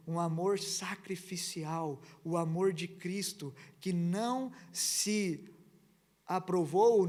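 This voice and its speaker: A young man preaching a sermon, passionate, slowing down to stress points and telling stories with lively energy. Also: sits high. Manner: passionate, slows down for emphasis, then tells stories animatedly. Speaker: pastor.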